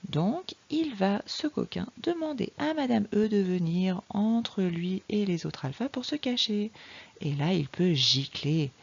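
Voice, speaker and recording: A woman teacher giving a patient, slow, explanatory reading lesson to a young child. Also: medium pitch, expressive, vocal fry, breathy edge, lo-fi sound. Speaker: primary school teacher.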